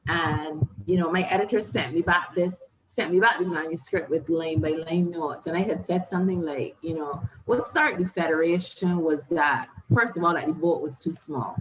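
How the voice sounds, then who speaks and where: A Barbadian woman with a Bajan accent and a lowish voice answers interview questions as a novelist, reflective, explanatory and conversational. The audio is poor, with a little hiss or hum.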